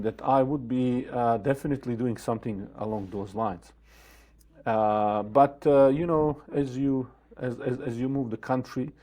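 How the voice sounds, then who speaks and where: Mellow-voiced man, halting and thoughtful. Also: medium pitch. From Bosnia. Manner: thoughtful, halting, with many fillers and restarts. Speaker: guest. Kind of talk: interview answers.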